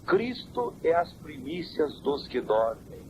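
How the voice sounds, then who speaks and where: A man's voice: mid-range voice, lively intonation. Man on hissy old worn cassette tape. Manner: measured, quotes scripture in a preaching cadence. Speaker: church elder. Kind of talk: answering interview questions on doctrine. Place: family home.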